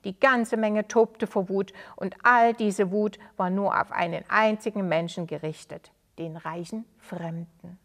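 A woman reads a children's storybook aloud in an expressive way, building tension and then sinking to a soft hush. Her pitch sits in the middle of the range. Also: measured pace, few pauses. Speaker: story reader.

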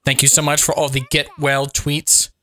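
A man hosting a casual gameplay commentary while sick, his voice still not fully recovered, reacting excitably with frequent exclamations. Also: on the high side, normal speed. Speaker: let's play host.

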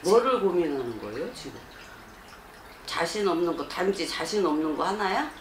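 A woman's voice: on the low side, expressive, moderate pace, echoey room, a little hiss or hum. A woman shaman fortune teller bluntly counseling a client, scolding her and pressing with rhetorical questions.

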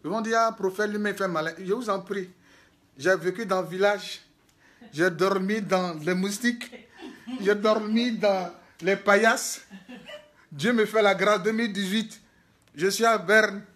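High-voiced man telling animated stories. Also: unhurried. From Côte d'Ivoire. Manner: animated storytelling, laughing and exclaiming. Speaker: prophet and spiritual guide. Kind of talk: casual video diary. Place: hotel room, indoors.

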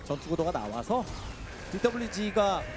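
A man's voice: high-pitched, normal speed, noisy background. A man working as an esports caster, reacting to the game live and adding analysis. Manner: animated, reactive.

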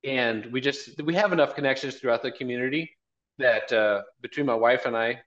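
Brisk and fairly bright, the mid-range voice belongs to an earnest man in his fifties, a college marketing director and event organizer, who often repeats himself. He's a guest in a casual video-call interview from a small indoor office, and the audio is dull and lo-fi.

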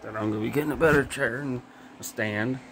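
A man's voice: medium pitch, quick pace, poor audio. A man in his twenties chatting casually in a vlog, talking with a lip full of dipping tobacco. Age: 20s. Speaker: video creator reviewing dip. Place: small cluttered wood-beamed room indoors. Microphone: handheld phone at arm's length. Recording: steady room hum, air-conditioner-like noise.

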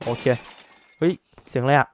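A man giving excitable live gameplay commentary, a little drowsy from just waking up, often repeating his exclamations. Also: normal speed.

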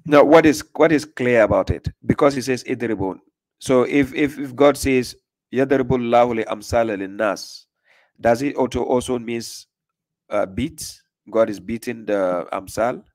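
This livestream host talks fairly quickly at a medium pitch, his plain mid-range voice carrying a darkish tone. Seated at a home desk in a small indoor room, he handles a live call-in debate. His manner is pressing and questioning, and he repeats himself.

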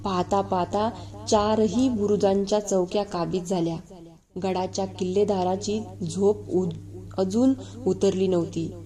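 Marathi-accented woman reading an old history novel aloud, slow n measured, soft mellow voice. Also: mid-range voice, fairly even intonation. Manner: slow, measured reading that voices rustic guards and villagers in dialogue. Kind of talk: dramatic book reading.

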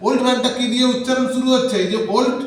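High-voiced teacher in an echoey classroom. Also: male voice, little pitch movement. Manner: asks the class questions and answers them himself, slows to read sentences aloud. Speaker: English grammar teacher. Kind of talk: classroom grammar lesson. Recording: very echoey room, voice from a distance.

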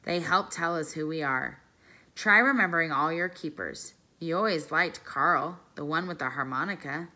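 A woman voicing a wise, caring old female elephant in a children's story read aloud, soft and patient. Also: sits low, moderate pace. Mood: gentle. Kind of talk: reading a children's novel aloud.

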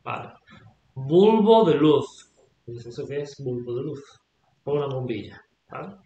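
A man's voice: medium pitch, expressive, a little slow, mellow, highs cut off. A man teaching English vocabulary, patiently repeating words and checking that the student follows. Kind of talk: explaining vocabulary in a lesson. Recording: echoey room.

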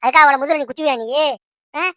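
A woman voicing a bossy mother in a cartoon who nags her husband and children in quick, scolding bursts. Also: sits high, steady tone, bright, forceful tone, dry recording, studio quality. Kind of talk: Tamil cartoon voice acting.

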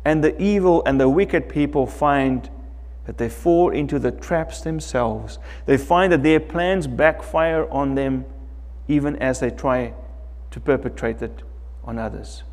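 A middle-aged man preaching a sermon as pastor from a lectern in a church sanctuary, slow and emphatic, rising loud and dropping soft. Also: medium pitch, long reverb tail. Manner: slow, emphatic preaching with wide swings in loudness.

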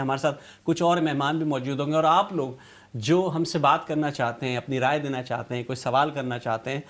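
A man, hosting a TV talk show and opening it with a measured, reflective studio monologue. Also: medium pitch. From Karachi, Pakistan. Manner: measured, reflective storytelling with rhetorical lists. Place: TV studio with city backdrop, indoors.

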